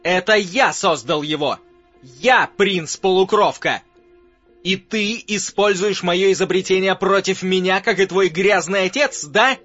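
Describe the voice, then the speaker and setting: A man voicing a sneering, scornful middle-aged male wizard in an audiobook, with slow, drawn-out taunting delivery. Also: sits high, fairly bright tone, breathy edge, pitched above the performer's own voice, heavily acted. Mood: furious. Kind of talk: audiobook character voice. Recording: muffled audio with faint music.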